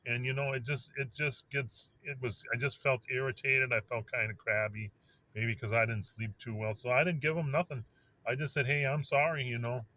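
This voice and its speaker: A man's voice: mid-range voice, bright, forceful tone. Guy rambling to camera at home, lots of ums and restarts, plain mid voice. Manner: rambling, many restarts and fillers, mimics explosion sounds. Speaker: vlogger. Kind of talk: casual rambling monologue.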